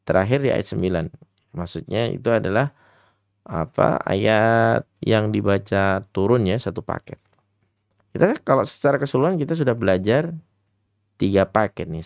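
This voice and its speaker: In an interactive radio lesson, a man teaches children Quran recitation, speaking to them directly with patient instruction and alternating brisk explanations with slow, drawn-out chanted examples. His voice is fairly low and creaky, recorded at studio quality with no room sound.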